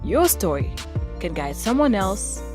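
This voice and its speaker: A woman reciting a slow, rhyming intro piece. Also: mid-range voice, very animated, over music. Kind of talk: spoken-word intro over music.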